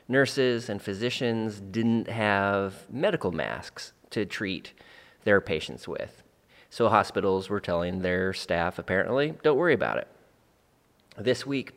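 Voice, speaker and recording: A podcast host in Central Oregon talks reflectively, repeating phrases for emphasis, before interviewing a guest. His voice is lowish with a fairly bright tone and a long reverb tail.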